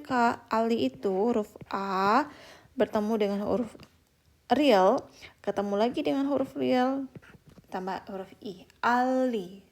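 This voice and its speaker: A young woman giving a patient online beginner language lesson, repeating example words slowly and often addressing her viewers as friends. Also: on the high side. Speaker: Korean language teacher.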